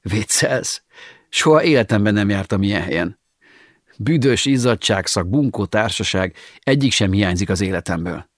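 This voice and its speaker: A man's voice: fairly low pitch, animated, no echo, clean studio sound. A man reading the part of a boastful young man with surgically fake muscles, chatting breezily with his lover.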